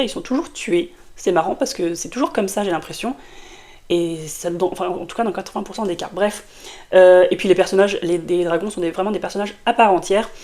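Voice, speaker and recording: This book vlogger's fairly low, warm voice comes through a sore throat caused by a cold. Reviewing a fantasy novel to camera in a casual vlog, she's chatty and rambling, with frequent fillers and restarts.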